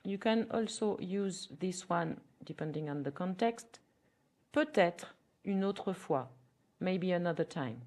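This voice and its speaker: A woman teacher with a French accent giving a podcast language lesson. She speaks carefully and repeats phrases slowly for learners to copy. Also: fairly low pitch, animated, darkish tone.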